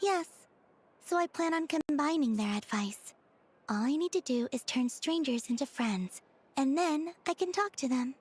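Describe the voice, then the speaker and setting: An actress voicing a gentle, naive young woman in a video game, polite, earnest and matter-of-fact. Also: high-pitched, expressive, normal speed, slight background noise. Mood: innocent, matter-of-fact. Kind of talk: video game character dialogue. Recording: background music under the dialogue.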